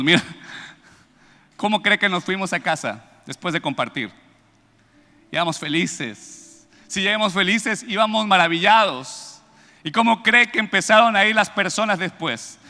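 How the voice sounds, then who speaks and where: A man's voice: sits high, in a large hall. A man preaching a sermon and telling a personal testimony, acting out the voices of the people in his story. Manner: animated storytelling, acts out quoted voices, builds to loud praise.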